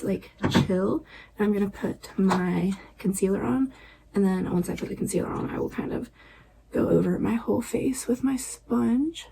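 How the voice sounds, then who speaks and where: A woman chatting casually through a makeup tutorial at home at night, relaxed and chatty, often dropping to a near-whisper. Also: fairly high pitch, creaky, noisy background. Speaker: beauty vlogger.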